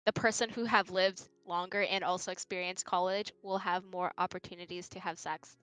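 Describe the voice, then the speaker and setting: A woman's voice: on the low side, little pitch movement, fairly quick, fairly bright tone, clear, resonant tone, no room sound, poor audio. A woman streamer chatting casually and joking while playing a visual novel. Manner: joking, laughs easily. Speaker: game streamer.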